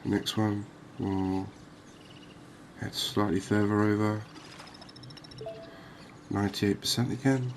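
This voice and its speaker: In a low, even murmur, a man narrates gameplay ASMR-style for his cozy gaming channel. Unhurried and soothing, he reassures the listener while a faint hum of noise and ambience sits behind him.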